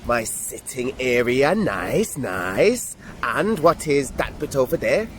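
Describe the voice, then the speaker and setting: A man voicing a chatty, excitable girl doll in a slow drawl, savouring and repeating phrases as the doll gives a playful tour for a children's video. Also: mid-range voice, crowd noise. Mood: curious, pleased.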